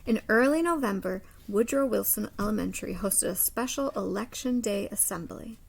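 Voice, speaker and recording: A woman reading a picture book aloud to young children like a teacher, expressively, with dramatic pauses and simple asides. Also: mid-range voice, vocal fry, slightly rough, poor audio.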